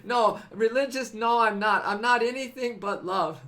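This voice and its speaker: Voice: medium pitch, moderate pace, fairly bright tone. A host from California giving a spiritual, motivational live-stream talk. The host laughs often, repeats phrases, and speaks to viewers by name.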